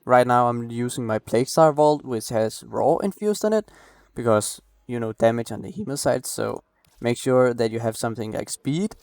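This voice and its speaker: A gravelly, darkish mid-range voice at normal speed guides listeners through a game build late at night, recorded close on a desk mic with no room sound. The gameplay guide creator is casual, rambling, and apologetic, coughing and restarting frequently.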